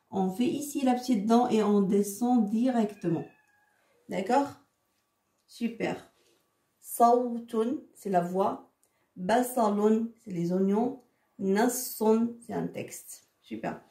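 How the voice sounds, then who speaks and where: Female teacher, patient and slow, gravelly low-key voice, drawn-out sounds for young pupils; echoey room, mic at a distance. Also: mellow. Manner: patient, slow and careful, models sounds by drawing them out. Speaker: Arabic teacher for children. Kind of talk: whiteboard lesson for children.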